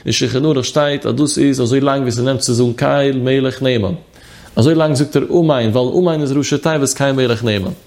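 A man's voice: mid-range voice, fairly quick, vocal fry, a little mellow. A man giving a lesson on religious law, explaining steadily and mixing study terms into his speech. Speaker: religious teacher.

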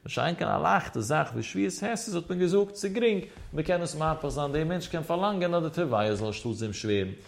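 A man's voice: on the high side, expressive, fairly quick, creaky, few pauses. A man giving a traditional Talmud lecture, reading the text aloud and explaining it in a sing-song study cadence with emphatic rises and drops. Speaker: Talmud teacher.

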